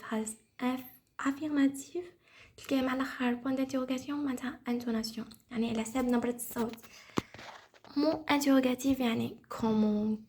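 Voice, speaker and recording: A woman's voice: on the high side, darkish tone, slight background noise. A young woman with an Algerian Arabic accent giving a casual exam review lesson, explaining patiently and repeating key terms. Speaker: teacher reviewing French for exams.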